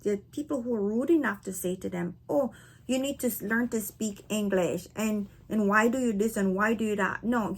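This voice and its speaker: A woman's voice: mid-range voice, breathy edge. A woman from Barbados with a Barbadian accent, talking casually to camera as a vlogger and checking in often with "right?" and "okay?". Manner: chatty, frequent "right?" and "okay?" tags. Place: living in North America.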